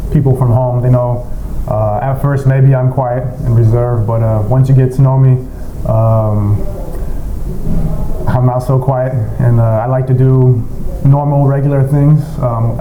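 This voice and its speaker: A young American man answering interview questions in a laid-back, soft-spoken, unhurried way. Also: mid-range voice, steady tone, roomy sound, narrow, tinny audio, slight background noise. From United States. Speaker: basketball player, interviewee.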